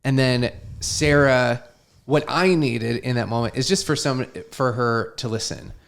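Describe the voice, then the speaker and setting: A man's voice: mid-range voice, unhurried, gravelly. A young man co-hosting a podcast, telling a story in casual chat with stumbling restarts. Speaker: podcast co-host.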